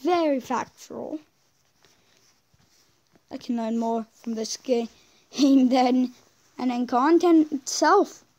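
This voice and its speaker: A high-voiced woman talking through a video game in a casual, chatty way, swearing now and then and restarting her sentences. She speaks at a slow, drawn-out pace. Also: darkish tone. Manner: chatty and profane, with frequent restarts. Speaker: game commentator. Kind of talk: casual gameplay commentary.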